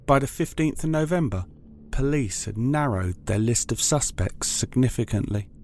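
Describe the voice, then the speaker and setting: A man's voice: mid-range voice, mellow, a little hiss or hum. A man reading scripted true-crime narration in a formal, factual manner.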